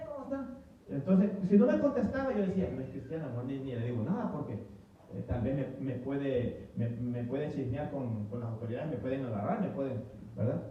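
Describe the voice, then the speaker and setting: Man preaching, kinda high voice, tinny phone-like sound, lots of echo in a church hall. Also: recorded from a distance. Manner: animated, acts out quoted voices, stumbles and repeats words. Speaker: pastor. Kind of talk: sermon.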